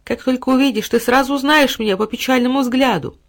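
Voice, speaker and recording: A narrator doing a high, pleading little girl. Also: fairly even intonation, quick pace, gravelly. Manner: pleading, tearful.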